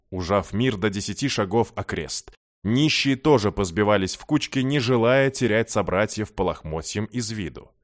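A man reading a fantasy novel aloud as an audiobook narrator, telling the story in an even, measured way with dry ironic asides. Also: fairly low pitch, dry recording.

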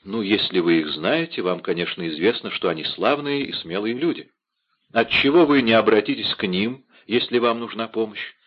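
A man's voice: on the low side, animated, moderate pace. A man voicing a timid young convent novice in a theatrical audiobook reading, on a dull lo-fi recording. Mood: anxious.

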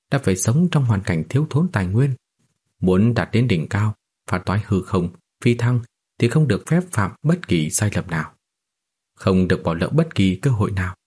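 A man voicing a composed, smooth-talking young male cultivator disciple in a fantasy audiobook, delivering a measured speech. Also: lowish voice, darkish tone.

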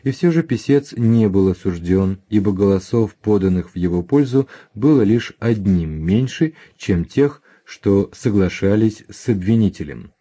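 A man reading a history book aloud as scripted narration, announcing page numbers and footnotes in a measured, even way. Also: lowish voice. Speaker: audiobook reader.

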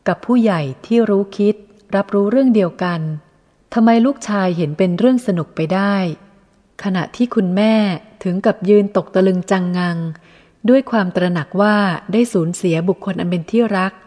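A woman reading a first-person literary story aloud in a measured, reflective way. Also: mid-range voice, dark tone, long reverb tail. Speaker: audiobook reader.

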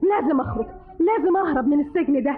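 A woman's voice: high voice, animated, rapid-fire. An actress playing a desperate young orphaned girl in an Egyptian Arabic radio drama from the 1950s, emotional and pleading. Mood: rebellious. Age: young adult. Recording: thin old radio broadcast, phone-like.

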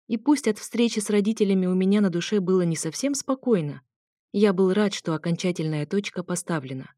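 A woman reading a first-person audiobook in a steady, even narrating voice. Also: mid-range voice, brisk, dry recording. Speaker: audiobook reader. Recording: dry close recording.

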